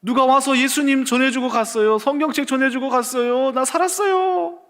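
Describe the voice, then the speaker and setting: A man's voice: high voice, moderate pace, fairly bright tone, pitched above the performer's own voice. A man acting out a desperate young man who pleads fervently to be saved. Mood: overjoyed.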